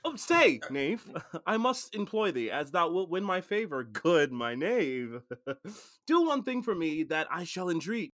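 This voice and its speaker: A witty young lord, played by a stage actor, declaims his lines slowly and grandly while mocking himself. His bright voice swoops widely. He delivers Shakespeare with a laughing edge. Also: medium pitch, sing-song. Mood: amused, commanding.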